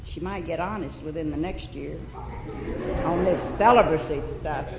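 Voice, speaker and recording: A woman speaks to a meeting in a sultry voice, roughened by a cold and sore throat. Her manner is teasing and plain-spoken. The sound is dull, with hall reverb and some background hiss. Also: low voice, moderate pace. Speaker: invited speaker at recovery meeting. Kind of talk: live speech to an audience. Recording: echoey hall, dull noisy old tape.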